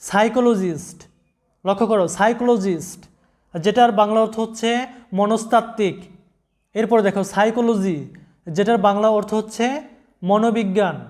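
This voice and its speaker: High-voiced man teaching English words. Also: steady tone, a little mellow. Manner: slow, deliberate, spells out letters and repeats words. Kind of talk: spoken vocabulary lesson.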